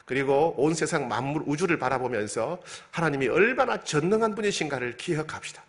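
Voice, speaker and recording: A male pastor delivers a sermon in an earnest, pleading way. His pitch swings widely as he stresses each point, and he slows right down when he reads scripture. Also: lively intonation. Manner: earnest, pleading, rises and falls with emphasis.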